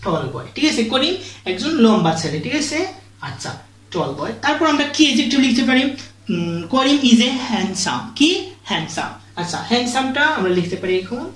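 A woman teaches grammar in a lively, swooping voice, pitched a bit high. She keeps checking that her students follow, asking questions and then answering them herself, and she stretches out her example sentences slowly. The room around her is echoey. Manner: repeats "ঠিক আছে?" after each point, asks and answers herself; slow, drawn-out English example sentences. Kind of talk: online grammar lesson.

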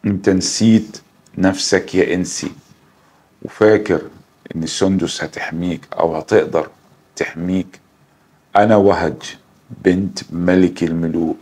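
A man voicing a proud, defiant female jinn, a king's daughter, who speaks in a low, hushed and threatening way. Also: fairly even intonation, unhurried, pauses often. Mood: haughty.

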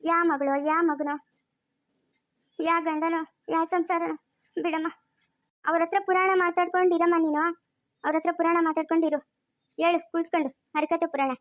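A woman's voice: very high-pitched, fairly even intonation, moderate pace, pauses often. A woman voicing a betrayed middle-aged wife and mother who speaks in a curt, bitter, scolding way. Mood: dismissive. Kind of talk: amateur family drama acting.

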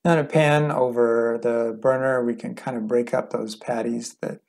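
A middle-aged man calmly walking through a cooking demonstration in a home kitchen, relaxed and plain-spoken. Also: mid-range voice, normal speed, gravelly. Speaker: cooking instructor. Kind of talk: calm step-by-step cooking demonstration.

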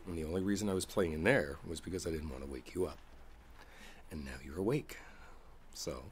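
Speaking in a deep, soft voice, a man performs an intimate ASMR roleplay as a gentle musician boyfriend, soothingly coaxing his partner toward sleep at an unhurried pace. Rain provides a steady noise in the background.

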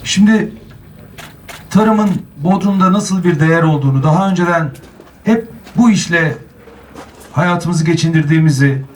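A man's voice: a little high, normal speed, pauses often, distant mic, low-quality recording. A man, a mayor, giving an earnest public speech at a podium microphone.

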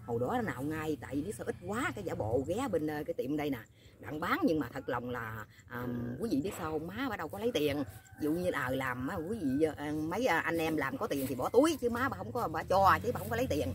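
A woman's voice: low voice, very animated, fairly quick, crowd noise. A woman, telling rambling stories to her viewers in a chatty vlog, often asking them "you know what?". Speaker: vlogger. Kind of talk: casual storytelling to viewers.

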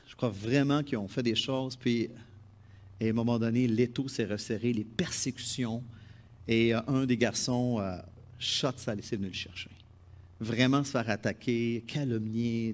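Quebec French preacher, middle-aged man, mid-pitched voice, animated sermon delivery, loud bursts and soft asides. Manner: animated, swings from loud emphasis to quiet asides. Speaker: pastor.

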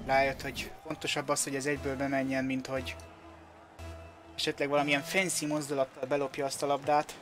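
A man giving excited live play-by-play commentary on a video game match, like a sports commentator. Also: mid-range voice, soft background music. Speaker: esports commentator.

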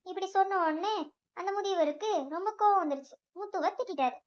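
A woman narrating a children's cartoon story in a lively storytelling way. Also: extremely high pitch, fairly quick. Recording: slightly muffled dry voice-over.

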